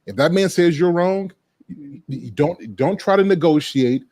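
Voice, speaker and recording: A man's voice: fairly high pitch, animated, unhurried, darkish tone. A man hosts a relationship advice show and speaks in a firm, preachy tone. He stutters into his points and then drives them home by repeating them. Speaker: host.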